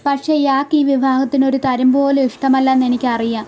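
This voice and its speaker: A woman's voice: sits high, flat delivery, brisk, darkish tone, slight background noise, lightly acted. A woman voicing an earnest young man who pleads his love to his wife in a heartfelt way.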